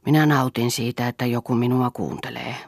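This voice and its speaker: Woman reading a brooding older guy, low quiet gravelly voice, dry close sound. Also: fairly even intonation, no echo, heavily acted. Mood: reflective. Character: brooding middle-aged man, self-mocking, melancholy.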